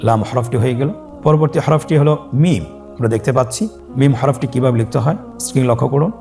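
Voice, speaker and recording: A man with a mid-range, dark-toned voice teaches Quran reading step by step over soft background music. In this scripted lesson on Arabic letters, he draws out and sings each letter name so listeners can repeat it.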